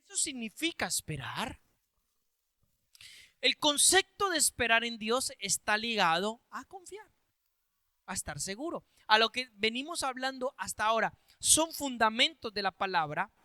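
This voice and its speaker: A man preaching with a high, piercing voice that swings from quiet asides to loud, insistent calls. He reads scripture aloud and unpacks it, repeating each key phrase for weight. The sound is dry and close. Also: big pitch swings, unhurried, dry recording. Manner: reads Bible verses aloud and explains them, repeats phrases for emphasis; bursts into loud emphatic calls. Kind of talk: sermon.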